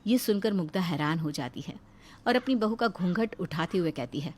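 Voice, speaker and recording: A woman giving steady scripted narration for a cartoon moral story. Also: lowish voice, normal speed, breathy edge.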